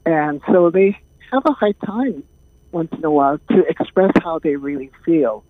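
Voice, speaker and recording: A woman, speaking as an interview guest in a calm, thoughtful way with many pauses. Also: low voice, no room sound. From Hawaii. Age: 70s. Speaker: guest, caregiving trainer. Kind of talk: casual interview talk. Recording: tinny phone line.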